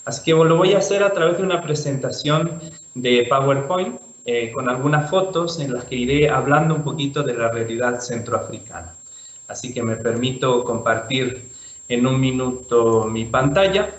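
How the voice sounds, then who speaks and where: A man, a priest giving an online talk with slides, relaxed and thinking aloud with fillers and restarts. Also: medium pitch, normal speed. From Chile. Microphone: video call. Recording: roomy, dull video call audio.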